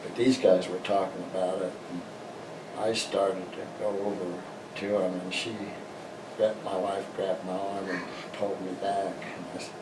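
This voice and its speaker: An older American man, a veteran, remembering his past in an interview in a halting, plain-spoken way. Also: deep voice, little pitch movement. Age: older, 60s or above. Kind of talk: personal reminiscence in an interview. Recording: roomy, distant mic, noisy background.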